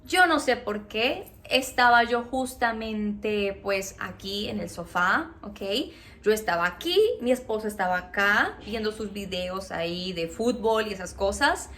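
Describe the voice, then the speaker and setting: A woman with a Mexican accent, casually telling viewers a personal story in a chatty, animated way, often checking in with them. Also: mid-range voice, measured pace. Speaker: vlogger.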